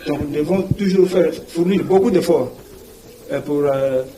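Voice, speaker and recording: A man's voice: fairly high pitch, normal speed, noisy background. A man, a language professor explaining in a TV interview, spelling out letters and often asking whether you see. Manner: didactic, repeats "vous voyez", spells out letters.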